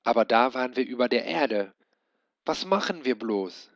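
Guy doing a high squeaky kobold girl, frets and fusses, storybook reading, dull lo-fi sound. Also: very animated, measured pace, dry recording. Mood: alarmed. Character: excitable kobold girl, quick to fret. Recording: dull lo-fi recording.

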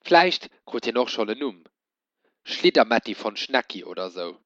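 A man reads a children's story aloud, his pitch swinging in very lively, animated arcs. The sound is dry and dull, with a lo-fi edge. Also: moderate pace, no room sound. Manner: expressive, lively storybook reading.

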